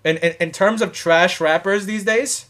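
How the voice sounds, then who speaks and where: A man's voice: sits high, normal speed. A young man co-hosting a podcast, ranting in casual chat with heavy swearing and strong opinions. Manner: animated, profane, opinionated ranting. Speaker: podcast co-host.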